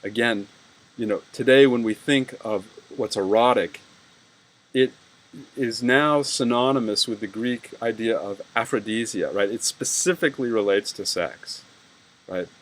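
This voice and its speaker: A man's voice: lowish voice, measured pace, rough recording. A man giving a university lecture, rambling and peppering his talk with "right?" and "you know".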